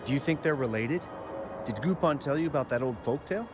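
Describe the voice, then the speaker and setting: Game music underscores this cutscene, where an actor plays a young male miner who is nervous and talks a lot about what he saw. The voice is medium-pitched, expressive, and only lightly acted. He's jumpy, but he slows down when describing monsters.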